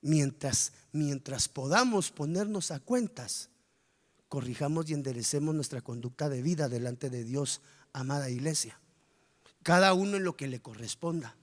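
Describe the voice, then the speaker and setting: Man, pastor, animated sermon, rhetorical questions, high voice, echoing church hall. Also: moderate pace. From Guatemala.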